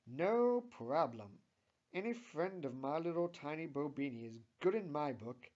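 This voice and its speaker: A man's voice: a little high, animated, measured pace, a little mellow, muffled recording, voice pushed up. A man voicing a gushing, happy middle-aged mother.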